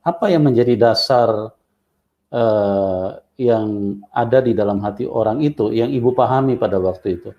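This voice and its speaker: A male interviewer who asks careful, probing questions and murmurs softly while he listens. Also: fairly low pitch, moderate pace. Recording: dull lo-fi sound.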